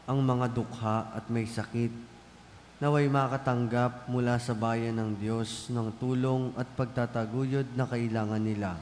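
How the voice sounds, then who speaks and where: A man with a Filipino accent reads formal prayer intentions as a lector, solemn and measured, with cathedral echo. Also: medium pitch, flat delivery, a little mellow. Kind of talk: formal liturgical prayer reading. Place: large church, amplified. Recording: cathedral echo, long reverb, background noise.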